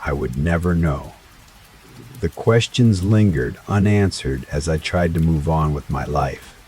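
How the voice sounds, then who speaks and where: A man narrating a first-person horror story in a slow, dramatic scripted style. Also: extremely low pitch, darkish tone, slight background noise. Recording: faint rain sounds behind voice. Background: rain ambience.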